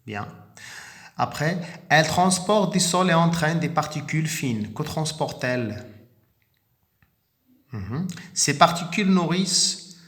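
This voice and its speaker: A man's voice: fairly high pitch, expressive, takes it slowly, long pauses, a bit bright, reverberant. A man with a Moroccan French accent, teaching a primary reading lesson, patiently sounding out and repeating words. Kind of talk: slow, clearly articulated reading lesson.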